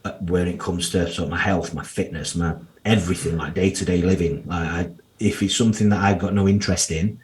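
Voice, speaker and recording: This is a deep, fairly even voice moving at a fairly quick clip, belonging to a Yorkshire-accented financial planner in his thirties. As a guest on a casual podcast, he speaks plainly and bluntly, using slang and now and then a curse.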